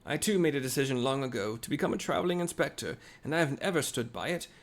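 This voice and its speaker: A man voicing an earnest old gentleman in a game, with a strained, aged voice and courtly, archaic speech. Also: medium pitch, expressive, fast talker, lightly acted. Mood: resolute. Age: older. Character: old gentleman inspector, formal, earnest, protective father. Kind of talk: game dialogue read aloud.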